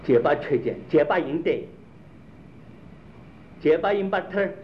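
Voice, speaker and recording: A man's voice: a little high, expressive, unhurried. A man explaining a problem, repeatedly quizzing his listeners with rhetorical questions. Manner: rhetorical questions, drilling points. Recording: dull lo-fi recording with faint noise.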